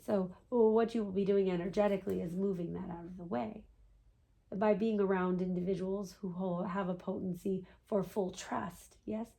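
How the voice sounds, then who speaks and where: A woman's voice: medium pitch, fairly even intonation, normal speed, vocal fry, dark tone, lightly acted. A woman as a seance medium voicing a patient, knowing spirit guide, with formal stilted phrasing and frequent questioning tags. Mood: gently probing. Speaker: trance channeler answering a client's questions. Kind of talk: seance medium channeling session.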